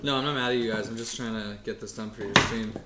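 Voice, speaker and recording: Quick-talking young guy telling friends what to do, casual, echoey kitchen. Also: lowish voice, fairly even intonation, over a noisy crowd. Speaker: cook helping on a stream. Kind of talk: casual chat, giving instructions. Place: indoor home kitchen. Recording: echoey kitchen with faint noise.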